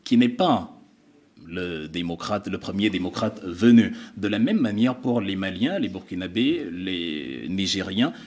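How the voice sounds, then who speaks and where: A man arguing his position as a guest on a televised panel debate, pausing now and then to search for words. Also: low voice, animated, darkish tone. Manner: argumentative, pauses to search for words.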